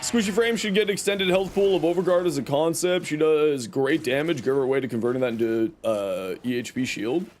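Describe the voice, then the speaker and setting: Brisk and barely pausing, a young streamer speaks in a high, darkish voice as he plays a game. His cold makes him sound scratchy, and he rambles while reading out and answering chat, full of fillers.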